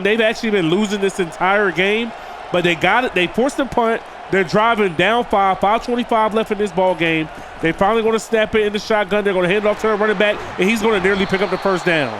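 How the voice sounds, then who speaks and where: Here a gaming video creator calls a football video game's action in a high, congested, nasal voice. Treating viewers like pals, he addresses them as "boys" and builds excitement on major plays, all over a steady hiss.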